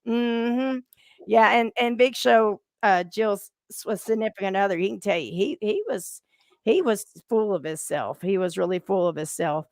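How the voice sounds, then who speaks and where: A woman's voice: mid-range voice, normal speed, a little mellow, no room sound. A woman hosting a podcast interview, telling salty stories in a brash, casual way. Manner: brash, salty storytelling with laughs. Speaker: podcast host.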